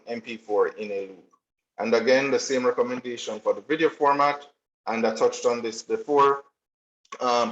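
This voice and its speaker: A man giving a technical presentation, explaining steadily with frequent filler ums. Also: medium pitch. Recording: roomy, slightly dull recording.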